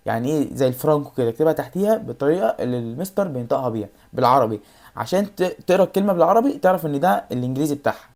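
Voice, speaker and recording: A woman's voice: low-pitched, lively intonation, darkish tone. A woman with an Egyptian Arabic accent giving study advice in a casual vlog, talking straight to the viewer and reassuring them over and over. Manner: rapid, addresses the viewer directly, repeats reassurances. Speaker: YouTuber giving exam study tips.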